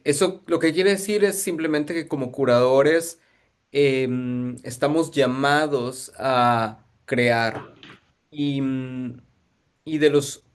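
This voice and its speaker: A man from Guatemala, a museum curator giving thoughtful, searching answers in an interview. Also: mid-range voice.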